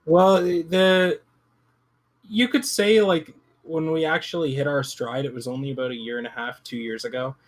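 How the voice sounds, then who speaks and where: A man's voice: fairly high pitch, steady tone, normal speed. A man talking casually as a podcast guest, reflective, often restarting his sentences. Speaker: podcast guest, game project lead. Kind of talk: casual chat.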